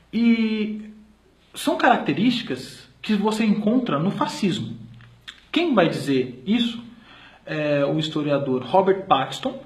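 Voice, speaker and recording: Brazilian man lecturing in an echoey room. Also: mid-range voice. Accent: Brazilian Portuguese. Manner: hesitant, frequent filler sounds and restarts. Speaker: history video presenter. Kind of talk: explanatory video lecture. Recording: roomy echo.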